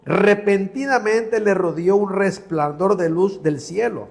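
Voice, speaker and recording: Male TV preacher, high voice, reads Bible passages, fervent asides, calls listeners brother.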